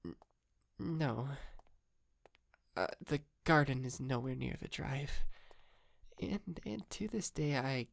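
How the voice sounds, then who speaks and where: Here a man performs an ASMR role as a rich, courteous, sheepish young yandere kidnapper, his soft, halting delivery full of stammers and breathy whispered bits. The pitch is medium with lively intonation, and he takes his time, pausing often. The recording is dry, and he sounds embarrassed.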